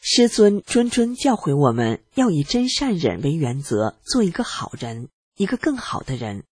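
An adult reading a personal testimony aloud in a steady first-person way, earnest and reflective. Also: mid-range voice, moderate pace, husky, no room sound.

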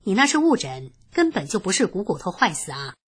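A dismissive older male doctor who bluntly waves away a patient's claim, read by a woman. The voice is husky and breathy, and its pitch jumps about in a lively way. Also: fairly quick. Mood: scoffing.

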